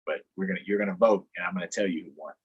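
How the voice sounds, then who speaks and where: A man with a deep, husky voice rushes through a children's read-aloud at a very fast clip, keeping his tone steady while playfully addressing the young audience in asides. The recording is lo-fi.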